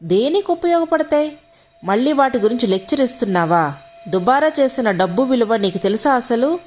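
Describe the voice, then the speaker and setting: A woman's voice: fairly high pitch, expressive, moderate pace, soft background music. A woman reading the lines of a man, an arrogant young husband who mocks and berates his wife. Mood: mocking. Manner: mocking, berating.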